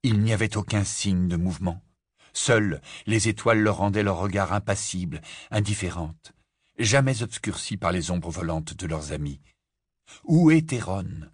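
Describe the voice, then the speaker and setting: A man narrating an audiobook in a low, hushed storytelling manner. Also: moderate pace, husky, no echo, studio quality. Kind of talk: scripted narration.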